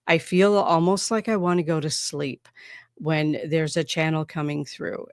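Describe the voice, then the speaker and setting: A woman hosts a spiritual podcast and talks in a reflective, unhurried way, pausing softly between thoughts. Her voice sits low for a woman. It is recorded dry and close, with no room sound. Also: clean tone, no room sound. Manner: reflective, unhurried, with soft pauses. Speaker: podcast host. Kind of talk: casual spiritual talk.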